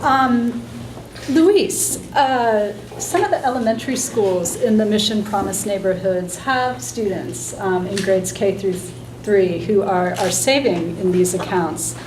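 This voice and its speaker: A woman moderates a panel discussion and asks guests questions. She speaks politely and fills her pauses with ums. The voice sounds far from the mic in a reverberant hall with clear background noise. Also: mid-range voice. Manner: polite, hesitant with frequent ums. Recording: distant, echoey hall with audible noise.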